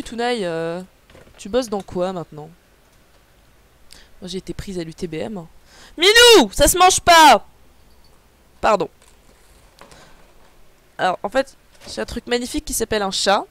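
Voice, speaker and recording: A young woman chatting casually on a live unboxing stream, rambling with lots of fillers and answering chat messages aloud. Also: mid-range voice. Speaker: livestreamer.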